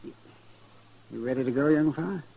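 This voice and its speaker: A man's voice: mid-range voice, unhurried, creaky, breathy edge. A man with an American accent playing a crotchety, fussy older frontier doctor in a 1950s western radio drama. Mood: brisk, impatient. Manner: fussy, impatient, excitable. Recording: muffled 1950s radio recording.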